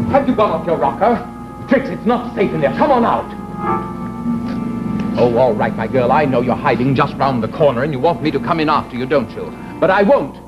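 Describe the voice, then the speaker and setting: An actor playing an impatient, exasperated man who scolds and calls out, in the style of 1950s television drama. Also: on the high side. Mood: exasperated, calling. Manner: scolding, calling out. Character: impatient, exasperated man searching for a teasing woman. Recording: dull, lo-fi 1950s TV soundtrack.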